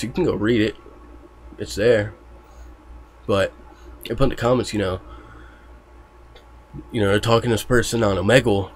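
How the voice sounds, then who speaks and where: A man's voice: on the low side, slight background noise. A man talking casually to his viewers, loose and profane, with lots of fillers. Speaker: YouTuber warning about online scams. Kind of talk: casual talk to camera.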